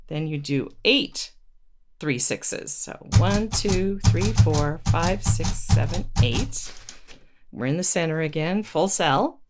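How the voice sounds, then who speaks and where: A woman giving a step-by-step instructional lesson, counting aloud in a patient, halting way and correcting herself as she goes. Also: low-pitched. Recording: noisy recording with paper rustle and clicks. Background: paper rustling and clicks.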